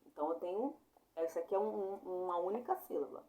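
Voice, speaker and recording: A woman's voice: fairly low pitch, warm tone. Chatty Brazilian woman teaching grammar. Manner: chatty, informal, apologizes often, spells sounds out slowly. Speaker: Portuguese teacher. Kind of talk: casual online grammar lesson.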